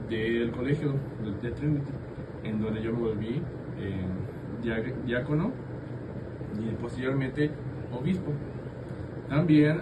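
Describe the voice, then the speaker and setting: A young man playing an eighteenth-century bishop philosopher in a class presentation, halting with fillers and restarts. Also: medium pitch, lightly acted. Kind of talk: student in-character presentation. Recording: distant mic with loud traffic noise. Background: passing vehicles.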